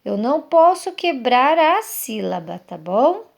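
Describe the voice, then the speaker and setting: Slow, patient woman teacher. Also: high voice, big pitch swings, gravelly. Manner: patient, explaining step by step with questions. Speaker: primary school teacher. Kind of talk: slow remote lesson for young children.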